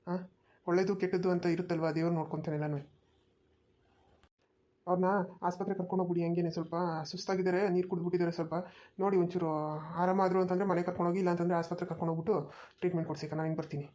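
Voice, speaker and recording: A woman's voice: on the low side, little pitch movement, racing, mellow, lightly acted. A woman voicing a helpful young village man in a cartoon who speaks earnestly and reassuringly. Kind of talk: cartoon voice acting. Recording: dull lo-fi recording.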